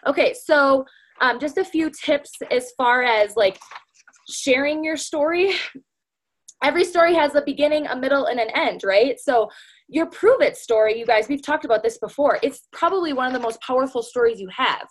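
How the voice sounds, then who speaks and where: Woman, somewhat high voice, casual motivational talk, chatty, lots of "like" and "you know", coaching a team. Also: moderate pace. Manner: chatty, peppered with "like" and "you know", addresses listeners as "you guys". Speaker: speaker training a sales team.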